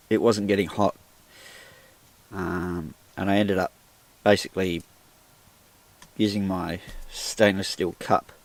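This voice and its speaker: A man, chatting casually to the camera inside a small tent with a wood stove and rambling in self-deprecating asides. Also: deep voice. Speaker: outdoor vlogger. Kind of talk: casual solo vlog commentary.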